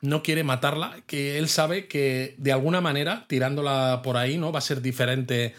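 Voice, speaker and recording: A man's voice: medium pitch, steady tone, moderate pace, fairly bright tone. A man, co-hosting a podcast and reviewing a TV episode in casual, thoughtful chat that is full of tag questions. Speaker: podcast co-host.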